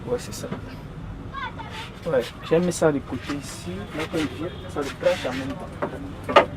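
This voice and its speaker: A man's voice: a little high, measured pace, very noisy, lightly acted. A man playing a muttering shop worker. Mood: offhand. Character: male shop worker griping about his boss.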